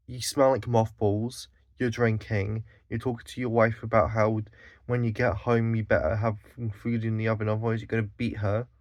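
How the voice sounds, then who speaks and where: A man's voice: lowish voice, level tone, normal speed, darkish tone, no room sound. Blunt, swearing Scottish man ranting. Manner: swears a lot, blunt and exasperated, with sighs and self-corrections. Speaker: vlogger. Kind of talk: profane ranting monologue.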